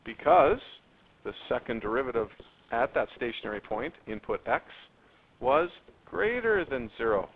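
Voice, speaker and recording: A man's voice: mid-range voice, moderate pace. A man teaching a math lesson to his class, drawing out words and jumping up on key terms while talking straight to his students. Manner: lively, stretches words, spikes up on key terms; addresses students directly. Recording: tinny lo-fi phone-like classroom recording, faint noise.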